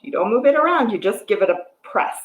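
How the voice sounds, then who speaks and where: With an animated, medium-pitched voice and a quick pace, a middle-aged American storytime librarian reads aloud from a picture book and talks about a craft, offering young children simple explanations and questions. The rough recording is roomy with slight background noise, made on a device mic at arm's length in a home room with a wooden floor and piano.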